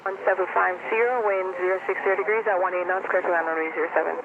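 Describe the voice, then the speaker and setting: A man working as an air traffic controller, giving rapid, clipped instructions over a radio transmission heard through a headset. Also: high voice, fairly even intonation, gravelly. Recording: lo-fi radio with static hiss.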